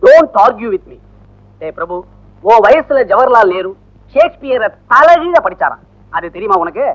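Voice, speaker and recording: An actor playing a pompous male Hindi teacher who scolds and shouts at his class in a comic film scene. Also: extremely high pitch, big pitch swings, unhurried, full character voice, low-quality recording. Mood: lecturing. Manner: shouting, mixes English and Hindi, comic bluster. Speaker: schoolteacher. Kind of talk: 1980s film acting.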